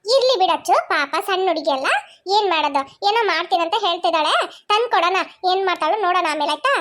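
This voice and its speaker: A woman voicing a patient cartoon mother who gently calms her two quarreling daughters. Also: very high-pitched, fast talker. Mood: calm, soothing. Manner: soothing, reasoning gently. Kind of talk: cartoon voice acting.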